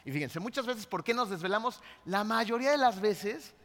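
A man with a Mexican accent preaching a sermon in a large church hall. He tells a personal story in a lively way and keeps checking in with the congregation. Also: high-pitched, moderate pace. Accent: Mexican Spanish. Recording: long hall reverb.

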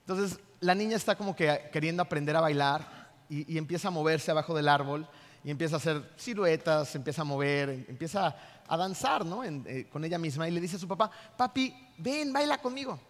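Pastor preaching, animated, lots of rhetorical questions, kinda high voice, long church echo. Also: male voice, fairly quick. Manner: animated, asks the congregation many rhetorical questions. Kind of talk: sermon. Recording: reverberant church hall.

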